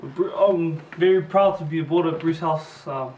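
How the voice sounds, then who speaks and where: A teenage boy with a New Zealand accent, answering interview questions in a relaxed, slangy way. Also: on the high side, moderate pace, a little hiss or hum. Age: teens. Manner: relaxed, laid-back, slangy. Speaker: interview guest, student boarder. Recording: echoey room, mic far off.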